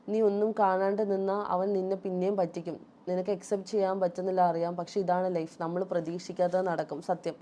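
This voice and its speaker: A woman's voice: lowish voice, mellow. A woman vlogger with a Malayali accent, telling viewers a personal story in an aggrieved, emphatic way.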